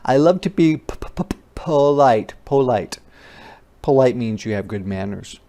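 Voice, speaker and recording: A teacher reads to young kids in a phonics lesson at a moderate pace, using a mid-range voice. The sounds of letters and words are spelled out with exaggerated care, with playful, expressive asides added.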